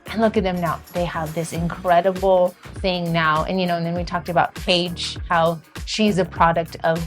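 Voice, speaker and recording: Woman interviewer with a lowish voice. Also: flat delivery, normal speed, faint music behind. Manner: affirming, reflective. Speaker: church interviewer. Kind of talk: testimony interview.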